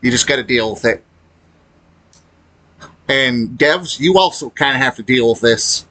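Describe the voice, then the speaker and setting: Speaking as a gaming video creator, he shares casual opinions off the cuff, pausing haltingly and airing blunt complaints. The voice is medium in pitch, pushed and bright.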